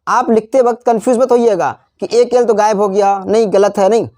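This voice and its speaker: Male teacher, spelling lesson, spells letters out slowly, repeats words, chatty asides, dry close sound. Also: sits high, steady tone, darkish tone, no room sound. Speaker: English teacher. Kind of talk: classroom-style spelling lesson.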